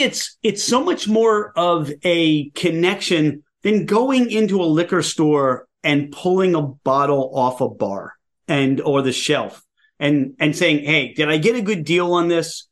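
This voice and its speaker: An enthusiastic podcast host, a man with a Philadelphia accent. His voice sits a little high for a man, and he talks in an animated, eager way during a casual chat. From Philadelphia area, US.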